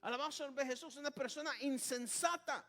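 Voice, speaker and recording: A fast-talking man with a very high, pushed and bright voice preaches in Spanish. Again and again he calls to the congregation with "hermano" and praises Jesus with "alabado sea el nombre de Jesús," often starting over mid-phrase.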